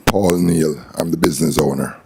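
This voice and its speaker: A man's voice: extremely low pitch, steady tone, normal speed, gravelly. A man, a business owner, giving short plain answers at a hearing, heard in a courtroom recording. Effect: courtroom recording from a hearing room. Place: public hearing room, away from the mic. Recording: hissy hearing room recording from far off.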